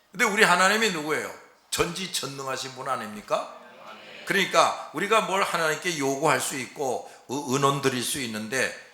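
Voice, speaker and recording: A man preaching a Sunday sermon as a pastor, in a folksy way, often checking in with his congregation through quick rhetorical questions. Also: a little high, sharp tone, echoey room.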